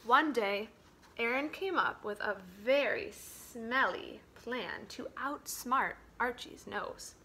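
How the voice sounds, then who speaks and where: A woman teacher tells a picture-book story to children, her voice high and bright. The reading is slow and dramatic, never rushed. She alternates between hushed passages and strong, emphatic ones.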